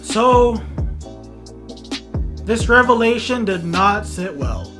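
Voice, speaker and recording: A woman in her twenties telling a comic story on her vlog, self-mocking and dramatic, dropping to mumbles and rising to loud outbursts. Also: fairly high pitch, takes it slowly, music in the background. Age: 20s. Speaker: vlogger.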